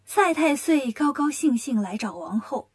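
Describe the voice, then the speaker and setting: Lively woman telling a children's story. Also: sits high, a little slow.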